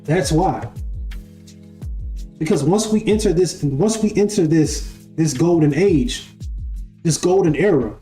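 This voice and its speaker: A spiritual live-stream host in his twenties muses loosely and repetitively, checking in with "right?" along the way. His voice is mellow and a little high, a bit slow with frequent pauses, and the echoey room carries faint music underneath.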